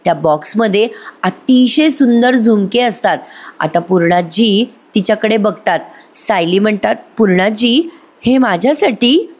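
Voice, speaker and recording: A woman narrating a lively voice-over recap of a TV serial episode, acting out each character's lines. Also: medium pitch, measured pace. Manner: lively storytelling, acts out every character's lines. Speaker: TV serial reviewer.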